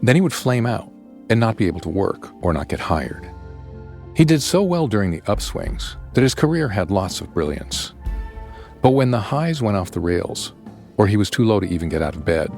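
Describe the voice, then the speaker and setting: A man narrating a podcast story in a measured, scripted storyteller's delivery. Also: lowish voice, big pitch swings, darkish tone, soft background music.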